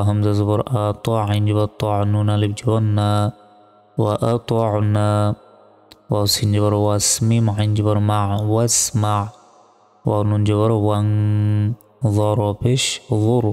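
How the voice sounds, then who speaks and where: A man teaching Quran reading, slowly spelling out Arabic letter by letter and reciting the verses in a drawn-out, melodic way. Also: lowish voice, darkish tone, smooth, in a large hall.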